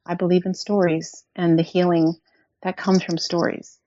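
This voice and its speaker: Soft-spoken woman in her forties, lo-fi. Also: fairly low pitch, little pitch movement, normal speed, no echo. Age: 40s. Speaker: podcast guest. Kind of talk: reflective conversational storytelling. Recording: dull dry lo-fi audio.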